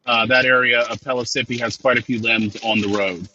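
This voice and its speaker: A man giving a halting, unscripted live storm report from inside a moving car, with rain on the car. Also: mid-range voice, steady tone, bright, forceful tone. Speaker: field reporter phoning in from a car. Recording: dull, noisy live link from car. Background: rain on the car, clicks and rattling.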